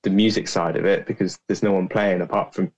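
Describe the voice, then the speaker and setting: Deep, flat-voiced podcast co-host. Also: male voice, brisk, lo-fi sound. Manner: hesitant, many fillers. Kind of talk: casual podcast chat.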